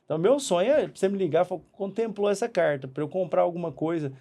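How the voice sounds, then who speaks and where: Animated Brazilian man hosting a podcast. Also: sits high. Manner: animated, repeats words, quick bursts. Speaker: podcast host. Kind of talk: casual podcast chat.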